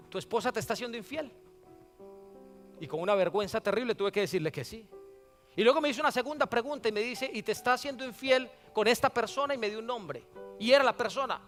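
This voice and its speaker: A man preaching a sermon in a very high voice with a sharp edge, retelling a personal story and voicing the dialogue. His voice rings with long reverb through the church sanctuary. Faint instrumental music plays underneath. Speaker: pastor.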